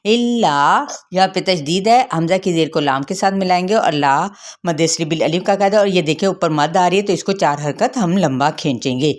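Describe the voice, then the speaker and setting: A woman teaching the rules of Quran recitation, chanting verses slowly and then explaining each sound, asking questions and answering them herself. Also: on the low side. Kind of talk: tajweed lesson with recitation.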